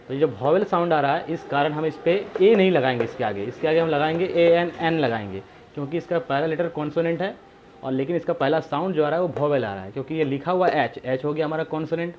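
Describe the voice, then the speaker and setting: Guy teaching grammar, repeats stuff, asks questions then answers them, kinda dull recording with faint hiss. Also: a little high. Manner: patient, repetitive explaining with rhetorical questions. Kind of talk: grammar lesson.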